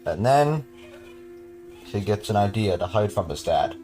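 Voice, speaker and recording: Man with a lowish voice reading a creepy story for a podcast, casual, stops to joke and laugh. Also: very animated, unhurried, over music. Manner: casual, chuckling, breaks off to joke with his cohost. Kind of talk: reading a horror story aloud with jokey asides.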